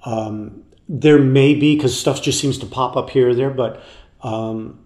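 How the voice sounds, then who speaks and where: A man telling rambling, animated road stories as a guest in a casual interview. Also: medium pitch, measured pace. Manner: animated anecdotes with put-on voices, loose and rambling. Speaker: guest musician. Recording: roomy echo.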